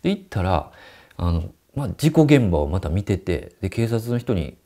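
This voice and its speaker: Man, ghost story teller, gravelly low voice, lively pitch. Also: moderate pace. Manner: acts out the quoted dialogue.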